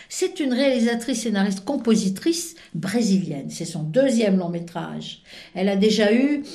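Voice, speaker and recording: A woman's voice: mid-range voice, a little mellow, echoey room. A woman presenting films on the radio in a playful, chatty, teasing way. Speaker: radio film columnist. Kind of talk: casual radio chat.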